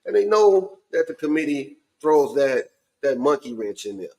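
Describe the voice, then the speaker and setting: A man's voice: fairly high pitch, big pitch swings, normal speed, darkish tone. A man hosting a podcast, talking casually with his friends in an informal, colloquial way. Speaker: podcast host. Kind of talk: casual sports talk among friends.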